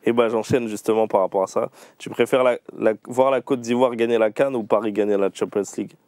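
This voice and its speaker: A man's voice: mid-range voice, steady tone, a little fast, a little mellow, no room sound. A man hosting a casual livestream interview, firing off playful either-or questions and laughing often. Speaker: host.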